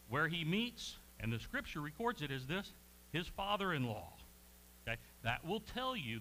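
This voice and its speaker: Animated school teacher. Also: male voice, on the high side, slight background noise, low-quality recording. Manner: animated, folksy, frequent "okay?" check-ins. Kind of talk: conversational Bible lesson.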